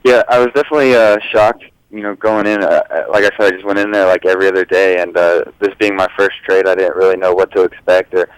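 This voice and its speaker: Low, even-toned young man being interviewed. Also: quick pace, clean tone, dry recording, low-quality recording. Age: young adult. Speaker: professional soccer player, interview guest. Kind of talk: casual interview answers.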